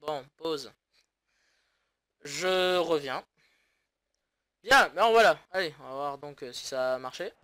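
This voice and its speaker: Bright-voiced sarcastic French gamer. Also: male voice, on the high side, animated, slow, long pauses, clear, resonant tone. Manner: sarcastic, grumbling, swears often. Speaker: gaming YouTuber. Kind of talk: casual let's-play commentary.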